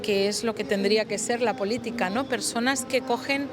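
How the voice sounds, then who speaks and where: A woman answering a street interview, earnest and measured, sometimes searching for words. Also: on the high side. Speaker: passer-by interviewed. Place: outdoors on a city street. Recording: street noise and traffic.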